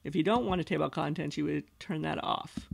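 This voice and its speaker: A woman with a gravelly, fry-edged voice talks through a software tutorial as a screen-capture voice-over. She explains each step patiently and plainly, as an instructional designer would. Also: sits low, a little fast. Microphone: voice-over recorded over screen capture.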